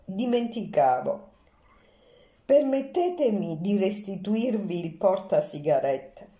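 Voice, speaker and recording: A woman reading an audiobook aloud in a calm, measured way. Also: fairly low pitch, roomy sound. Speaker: audiobook reader. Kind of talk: audiobook narration.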